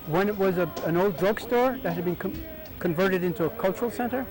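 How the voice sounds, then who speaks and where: A man's voice: sits high, a little fast, over music. An older man from Jamaica, a muralist, recalling his past at length in an oral history interview, with many restarts and fillers.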